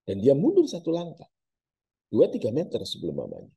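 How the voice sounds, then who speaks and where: A man's voice: medium pitch, wildly swooping pitch, a little fast, creaky, dark tone, breathy edge, highs cut off. A male pastor preaching a sermon, telling a story dramatically and addressing his congregation directly. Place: church service.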